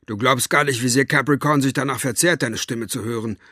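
A coarse, broad-voiced thug who talks blunt and smug. A man puts him on while reading a storybook. The voice is husky and the recording dry. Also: medium pitch, fairly quick, pushed and bright, dry recording.

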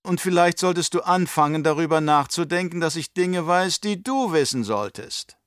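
A man voicing a scheming old baron with a slow, mocking, condescending delivery in an audiobook. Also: fairly high pitch, expressive, fairly bright tone, smooth, no echo, studio quality, voice pushed up. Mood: menacing. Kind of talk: audiobook character voice.

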